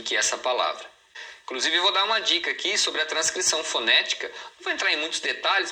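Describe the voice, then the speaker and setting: Brazilian male English teacher, crisp bright tone, patient lesson delivery. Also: fairly high pitch, low-quality recording. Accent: Brazilian Portuguese. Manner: explains patiently, models words slowly and repeats them. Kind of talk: recorded online lesson.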